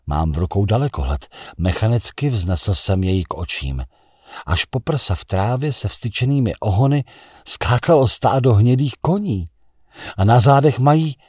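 A man narrating a literary novel in the first person, measured and tense in delivery. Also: deep voice, a little mellow, husky, dry recording, clean studio sound. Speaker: audiobook narrator.

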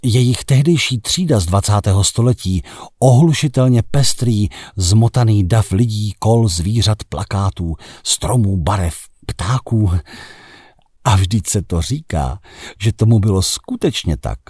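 A man narrating a first-person literary story in a measured, reflective way that turns dramatic in heated passages. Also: lowish voice, expressive, darkish tone, breathy edge, no echo, clean studio sound.

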